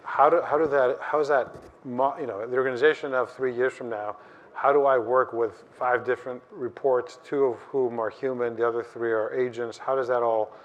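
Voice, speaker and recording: A man's voice: medium pitch, fairly even intonation, normal speed. A man moderating a conference panel, asking long rambling questions with frequent restarts. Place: conference stage. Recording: dull lo-fi sound.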